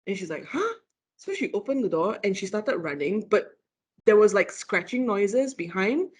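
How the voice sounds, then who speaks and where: A woman's voice: medium pitch, moderate pace, husky. A woman guest lecturer with a Malaysian English accent, telling a ghost story on a casual podcast with lots of "like" fillers and giggles. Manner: animated, giggly, many "like" fillers.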